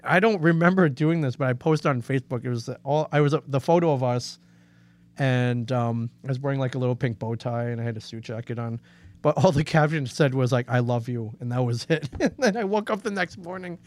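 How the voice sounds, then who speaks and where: A man's voice: medium pitch, fairly quick, darkish tone. Rambling joking man on a podcast. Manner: rambling, joking, self-deprecating. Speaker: podcast co-host. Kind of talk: casual chat.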